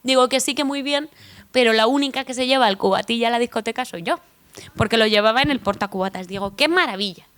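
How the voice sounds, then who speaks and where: A young Madrid-born conference speaker gives a funny talk on stage, sharing personal stories in a chatty, joking, self-deprecating style with asides to the audience. Her Madrid Spanish-accented voice is on the high side, fast and fairly bright.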